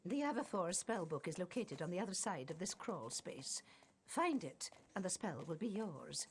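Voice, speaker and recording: An actress voicing a stern, formal professor at a magic school who addresses her class in measured, instructive tones in a video game. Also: lowish voice, big pitch swings, slight background noise.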